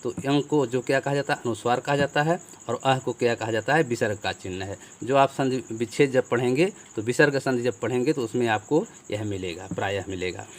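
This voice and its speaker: A man with an average-pitched voice teaches a grammar lesson at an easy, patient pace. He drills sounds one at a time, putting questions to his class and answering them himself. Crickets chirp faintly in the background. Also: a little fast, few pauses, a little hiss or hum. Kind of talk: explaining Hindi grammar lesson.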